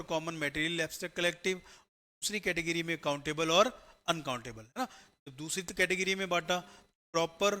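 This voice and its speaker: A male grammar teacher giving a step-by-step classroom lecture for exam students, often checking in with a quick "right?". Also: a little high, bright, forceful tone.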